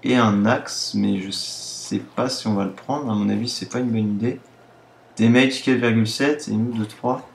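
Excitable 18-year-old male let's-play host, roomy room sound. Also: on the low side, normal speed, vocal fry. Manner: excitable, exclaims often. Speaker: gaming video host. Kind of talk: casual let's-play commentary.

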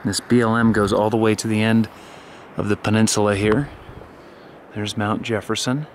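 A man giving a relaxed, enthusiastic narration of a property tour outdoors, pointing out landmarks as he goes. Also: fairly low pitch, moderate pace, slight background noise. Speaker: real estate video tour narrator. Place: outdoors on a rural lot and riverside.

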